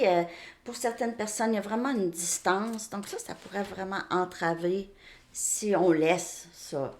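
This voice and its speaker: A woman's voice: medium pitch, a little hiss or hum. A woman from Quebec with a Québécois French accent, chatting casually through a tarot reading and often checking in with "ok?". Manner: chatty, repeats "ok?" often, frequent restarts. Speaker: tarot reader. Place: home, outside Montreal suburbs.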